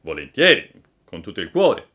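A man's voice: low voice, huge pitch swings, moderate pace, pushed and bright, full character voice. A man voicing a cheeky, lazy schoolboy with a coaxing, teasing manner.

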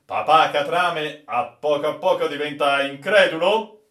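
A man doing a loud, jovial ship captain. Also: fairly high pitch, measured pace, distant mic, voice pushed up. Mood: teasing. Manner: loud, teasing exclamations. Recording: roomy echo.

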